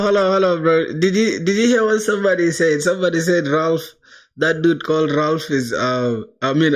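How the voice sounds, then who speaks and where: A man in his twenties from South Sudan, chatting casually on a coding live stream, dropping "bro" into nearly every line and reading chat aloud. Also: a little high. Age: 20s. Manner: slangy, says "bro" constantly, laughs, reads chat aloud. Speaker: livestreamer coding toward a job.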